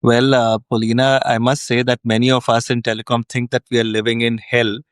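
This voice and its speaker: A man's voice: mid-range voice, level tone, brisk, smooth, no echo, studio quality. A man hosting a podcast interview, introducing his guest with effusive, welcoming praise. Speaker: podcast host.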